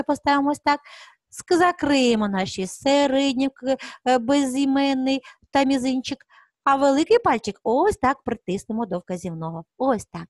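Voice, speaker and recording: A woman's voice: on the high side, no echo, studio quality. A middle-aged woman teaching an early-reading lesson to young children, coaxing them along and stretching out words so they can hear the sounds. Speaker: preschool teacher.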